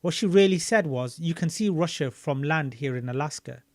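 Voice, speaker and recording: A man casually reading a book aloud and commenting on it, thinking out loud as he looks things up. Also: fairly high pitch, moderate pace, no echo, studio quality. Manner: thinking aloud while searching maps and videos, loose and chatty.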